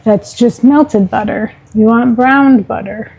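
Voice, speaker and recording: Woman, slow relaxed talk, fairly high voice, casual cooking tutorial. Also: vocal fry, slightly rough, rough recording. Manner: chatty, relaxed, talks to her pet mid-recipe. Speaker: home cook, vlogger.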